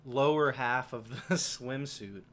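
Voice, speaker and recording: A man's voice: medium pitch, takes it slowly, a bit bright. Dry, teasing male podcast co-host. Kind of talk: casual comedic chat.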